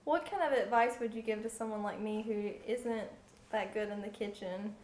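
A woman's voice: mid-range voice, moderate pace, darkish tone, roomy sound, slight background noise. A young woman reporter in a large home kitchen, interviewing a guest cook with friendly, curious questions.

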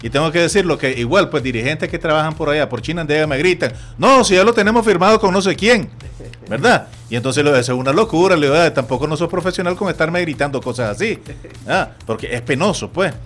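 A man with a Nicaraguan Spanish accent hosting a sports radio talk show, telling stories in an animated way and acting out other people's voices. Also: on the high side, fast. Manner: animated storytelling, acts out quoted voices. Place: radio studio.

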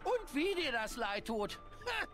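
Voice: high voice, big pitch swings, a little slow, fairly bright tone, exaggerated voice. A voice actor playing a sarcastic, grumbling talking crow in a video game, with game music behind. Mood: wry. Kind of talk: game dialogue.

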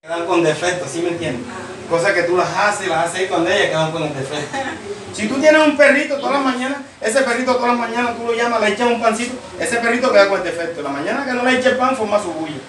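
A man telling jokes as a lively storyteller who acts out his characters. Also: high voice, quick pace, noisy background. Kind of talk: joke telling. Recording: echoey room, distant mic.

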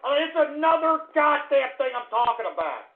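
A man with a very high, gravelly voice rants at his audience on an internet radio show, shouting insults between grumbling asides. The sound is tinny and phone-like, as from a lo-fi radio stream. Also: big pitch swings, moderate pace, soft background music. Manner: furious, shouting insults at listeners. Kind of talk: ranting radio monologue.

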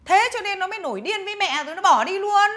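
Woman as a sly country mother-in-law, high, fast and lively. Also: a little hiss or hum. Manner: chatty, coaxing, then scolding. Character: scheming rural mother-in-law, older woman. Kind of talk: dubbed drama voice acting.

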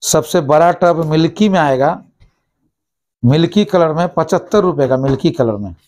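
A man in his thirties, a shop owner, listing plastic goods and their prices and repeating each price briskly, recorded indoors on a lapel mic in a small shop office. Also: on the high side, lively intonation, a little mellow. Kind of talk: product price rundown.

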